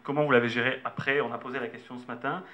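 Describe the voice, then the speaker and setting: A man with a mid-pitched voice asking a closing interview question. He hesitates and repeats words as he gets the question out. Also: steady tone, racing, bright, forceful tone.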